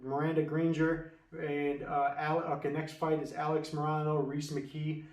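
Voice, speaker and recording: A man's voice: on the high side, little pitch movement, moderate pace, darkish tone, distant mic. A man giving casual, confident fight-betting predictions, rambling with many restarts and fillers. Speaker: MMA betting tipster. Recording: echoey room, away from mic.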